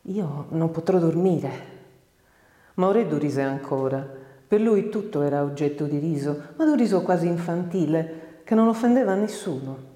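A woman giving a measured, expressive literary reading of a short story, recorded with a roomy echo. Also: low voice. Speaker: audiobook narrator. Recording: roomy reverberant room.

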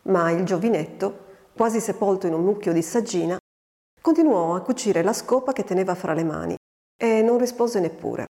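A woman narrating a literary story in a measured, expressive way, recorded with a long reverb. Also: medium pitch. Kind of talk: literary audiobook reading.

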